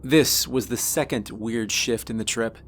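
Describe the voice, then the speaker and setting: Male narrator, slow measured delivery, scripted story reading. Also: medium pitch, a bit bright, soft background music. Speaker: minister.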